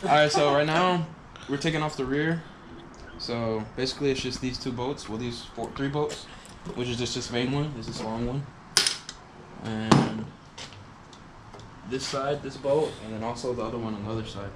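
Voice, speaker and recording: A man's voice: mid-range voice, fairly even intonation, moderate pace, pauses often. A man chatting casually in frat-bro slang, joking with swagger as he hosts a DIY repair video. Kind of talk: casual chat while working. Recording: echoey room with loud noise and clatter.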